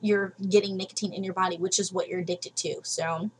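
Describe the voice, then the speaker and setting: A woman's voice: fairly even intonation, brisk, a little hiss or hum. A young woman vlogging casual advice from home, frank and chatty, with many fillers. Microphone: webcam. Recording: low-quality home webcam recording.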